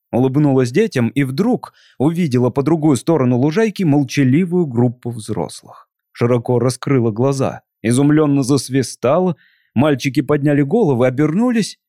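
A man narrating a storybook in an even, measured way. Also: mid-range voice, dry recording, clean studio sound. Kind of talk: audiobook reading.

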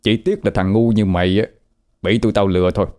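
A man's voice: on the low side, fairly even intonation, fast talker, darkish tone, lightly acted. A man playing a cruel, mocking swindler in a spoken ghost story. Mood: sneering. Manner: sneering, threatening. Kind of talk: audio drama storytelling.

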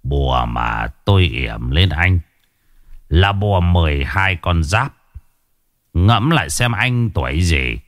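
A man voicing a calm, weary older village sorcerer who speaks in a measured, lecturing way. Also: low-pitched, dry recording, clean studio sound. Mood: grave.

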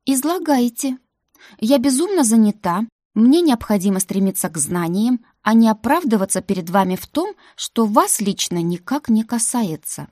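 A woman voicing a sharp-tongued young woman student from another world, talking high and sarcastic. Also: animated, moderate pace, dry recording, studio quality.

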